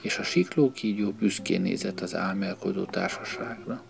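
A man reading a children's animal story aloud in a slow, gentle storytelling manner. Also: sits low, gravelly. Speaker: narrator. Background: guitar music.

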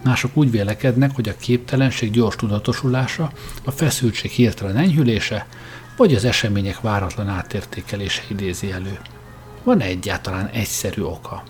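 A cutting, lecturing grandmaster, put on by a male storyteller presses his questions in a lowish, measured voice. He sounds dry and probing. Soft music plays faintly under the reading. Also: lightly acted.

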